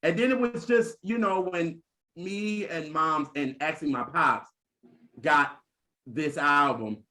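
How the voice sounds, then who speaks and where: A man hosting a casual podcast chat, excitable and quick to chime in with affirmations. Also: fairly high pitch. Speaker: podcast host.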